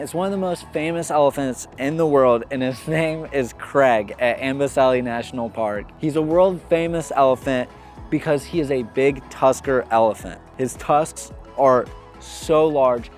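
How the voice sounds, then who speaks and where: A man's voice: medium pitch, a little mellow. A man narrating his travel vlog in an enthusiastic, casual way, with a laugh now and then. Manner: enthusiastic, laughs while talking. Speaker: travel vlogger. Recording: faint music behind.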